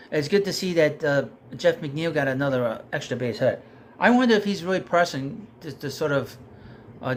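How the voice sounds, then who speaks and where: In a casual rant about his team, a sports commentator heats up, his voice rising and growing louder with frustration until it begins to give out. The pitch is fairly high, and a little hiss or hum can be heard.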